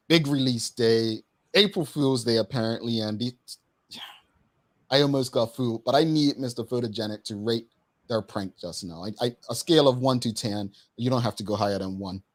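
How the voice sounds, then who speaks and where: A man with a mid-pitched voice hosts a relaxed, chatty interview. He moves in stops and starts, repeating words for emphasis on the way to his questions. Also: moderate pace. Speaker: talk show host. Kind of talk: casual interview banter.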